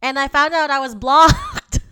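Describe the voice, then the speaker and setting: A woman's voice: mid-range voice, fairly bright tone, clean tone. A woman in her twenties hosting her own podcast, chatting candidly and profanely, full of slang, laughing at herself and calling her listeners guys. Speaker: podcast host. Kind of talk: casual confessional podcast chat.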